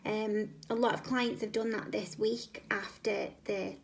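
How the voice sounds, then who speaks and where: A woman fitness coach from the UK talking casually to camera in a squeaky voice, chatty and encouraging, often ending with tag questions. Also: little pitch movement, unhurried, creaky, slight background noise. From United Kingdom. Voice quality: squeaky, high voice. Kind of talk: casual vlog talk to camera.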